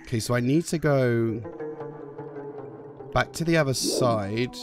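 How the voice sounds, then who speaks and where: A man's voice: mid-range voice, a little slow. Guy on a game stream, mid voice, chatting to chat and saying thanks, game music behind. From England. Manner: chatty, reads and thanks chat while playing. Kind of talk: casual live-stream commentary.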